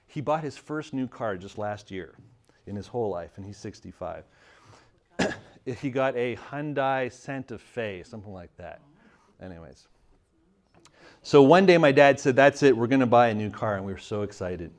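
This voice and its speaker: A man in his thirties from Montreal telling a family story in a casual, animated way, often laughing and restarting his sentences. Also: mid-range voice, a little slow, long pauses. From Montreal, Canada.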